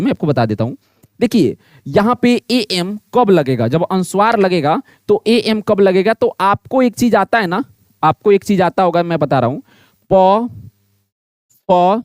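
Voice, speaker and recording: A man teaches at a blackboard, repeatedly asking the class a question and then answering it himself as a drill. His voice is high, dry and close, without any room echo.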